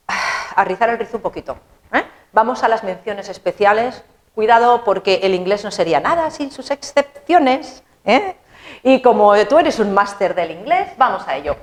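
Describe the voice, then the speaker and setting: A woman, an English teacher explaining grammar in an animated, chatty, playful way. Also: a little high.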